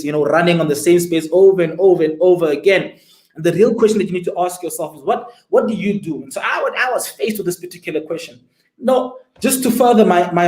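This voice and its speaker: A man's voice: on the high side, a little mellow, roomy sound, rough recording. A man, telling his story as an interview guest and pressing listeners with rhetorical questions. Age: 20s. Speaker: guest entrepreneur.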